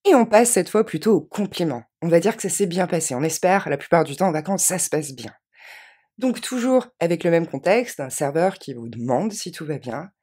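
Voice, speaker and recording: A woman teaching English phrases to French speakers, repeating each one slowly and then quickly. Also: on the low side, animated, warm tone, husky. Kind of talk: language lesson with repeated model phrases.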